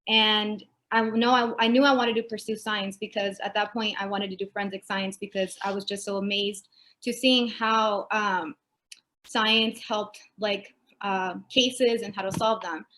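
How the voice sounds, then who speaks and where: A woman answers a panel question over a video call, her delivery level and even with little rise and fall. She speaks conversationally, leaning on fillers as she thinks aloud. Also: medium pitch, unhurried. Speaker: panelist, first-generation student.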